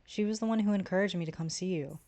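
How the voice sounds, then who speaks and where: A woman streamer reads a visual novel aloud, voicing both the narration and the player's lines. Her voice sits a little low for a woman, and she stumbles on a word now and then. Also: quick pace, dark tone.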